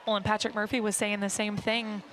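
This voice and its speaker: Female sports analyst, explanatory, narrow pitch range, noisy stadium crowd. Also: flat delivery, brisk, a bit bright. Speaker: color analyst. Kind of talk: live softball analysis commentary. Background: crowd and outdoor ballpark noise.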